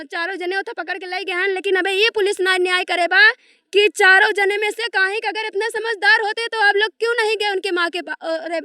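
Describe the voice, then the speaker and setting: A woman's voice: extremely high pitch, bright, forceful tone, no echo, clean studio sound. A young woman with an eastern Uttar Pradesh accent, grief-stricken and agitated, giving emotional testimony to a reporter as the victim's daughter.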